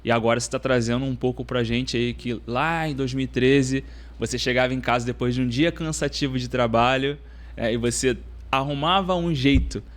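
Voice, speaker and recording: Guy hosting a podcast, normal pitch, motivational, likes repeating himself. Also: a little fast. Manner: motivational, repeats points, asks follow-up questions. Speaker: podcast host. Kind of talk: podcast interview.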